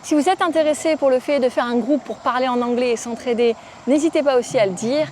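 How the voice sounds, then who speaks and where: A woman's voice: high voice, fast, a little mellow, slight background noise. A young French woman chatting informally to camera outdoors in a park, with many fillers. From France. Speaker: vlogger. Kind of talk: casual talk to camera. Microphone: phone camera.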